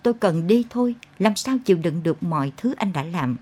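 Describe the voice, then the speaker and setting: A woman's voice: fairly low pitch, expressive, a little fast, darkish tone, slightly rough. A woman narrator voicing a weary young woman who bitterly insists on leaving her lover, in an audiobook. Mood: resolute. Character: weary young woman ending a bad affair.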